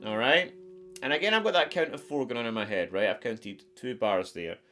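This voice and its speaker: A man's voice: mid-range voice, lively intonation, fairly quick, pushed and bright. A middle-aged man with a broad Scottish accent, giving a casual guitar lesson to camera. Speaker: guitar teacher. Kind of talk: casual instructional talk to camera. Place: small attic home music room, indoors. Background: electric guitar playing.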